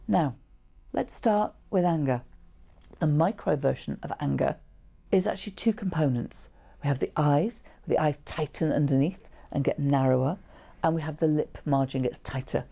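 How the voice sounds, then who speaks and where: Low, gravelly woman giving a lesson. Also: dark tone. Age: middle-aged. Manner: explanatory, conversational, with short illustrative asides. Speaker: trainer teaching how to read facial expressions. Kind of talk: informal instructional presentation to camera. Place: small indoor room, seated.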